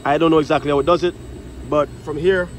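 An HVAC technician who hosts a channel explains a repair outdoors at a rooftop unit, speaking quickly in a fairly high, fairly even voice with many fillers as he works. He holds a phone camera in one hand, and its audio picks up loud outdoor noise.

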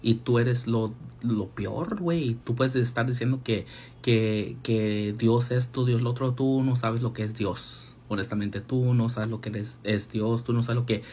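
A man's voice: medium pitch, fairly even intonation, measured pace, darkish tone, slight background noise. A man ranting casually as a vlogger. He slips English phrases into his talk and keeps tagging lines with a questioning aside. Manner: mixes English phrases into Spanish, often repeats "¿verdad?".

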